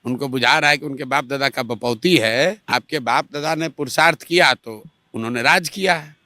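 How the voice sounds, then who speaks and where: A man's voice: medium pitch, moderate pace, bright, forceful tone, no room sound. A man with a Bihari Hindi accent arguing politics in an interview, emphatic and rhetorical, acting out what others say in mock dialogue. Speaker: party spokesman interviewed. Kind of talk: animated political argument. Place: Patna, Bihar.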